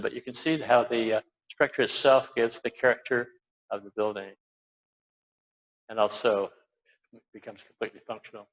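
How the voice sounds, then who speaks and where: Older man, lower voice, rambling informal lecture, dull recording. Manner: rambling, frequent fillers and restarts. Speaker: architect giving a slide talk. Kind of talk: informal lecture over slides. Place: lecture hall at an awards event.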